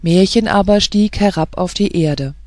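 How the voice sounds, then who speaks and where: Dry, measured audiobook narrator. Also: mid-range voice, dry recording. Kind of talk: scripted fairy-tale narration.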